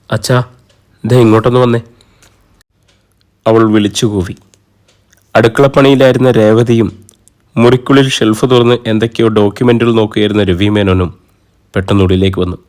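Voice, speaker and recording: A man reading a romantic drama story aloud in a steady, measured storytelling voice. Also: fairly low pitch. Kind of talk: scripted audiobook narration.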